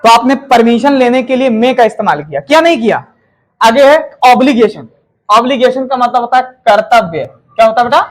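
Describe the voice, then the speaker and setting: A man's voice: very high voice, expressive, brisk. A man teaching a grammar lesson in a chatty classroom style, checking in with listeners and acting out example sentences in different tones.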